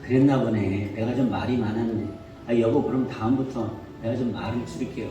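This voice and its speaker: A man voicing a patient, resigned middle-aged husband who speaks low and subdued, recorded from afar in an echoey hall. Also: animated, normal speed. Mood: pleading. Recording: echoey church hall from far off, faint music.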